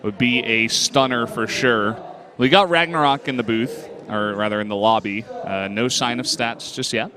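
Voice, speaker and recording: Male esports color caster, relaxed banter, live crowd noise. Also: medium pitch, normal speed. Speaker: esports commentator. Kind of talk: casual live game commentary.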